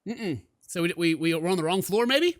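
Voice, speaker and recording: High-pitched and animated, the man talks a little fast as he hosts a gaming video, offering theatrical, playful let's play commentary full of exclamations and game text read aloud. The close desk mic picks up no room sound, just faint game music in the background.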